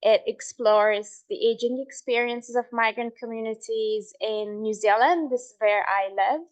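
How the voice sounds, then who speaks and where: A middle-aged woman from Hungary giving a measured academic talk on her research, with frequent ums and restarts. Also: fairly high pitch, fairly even intonation. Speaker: researcher presenting her work.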